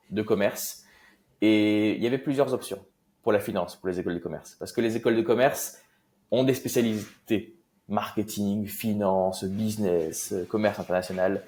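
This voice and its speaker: A man's voice: on the low side, a little mellow. A young man from Marseille, speaking as an investor guest in a casual interview, loose and hesitant with many fillers. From Marseille, France.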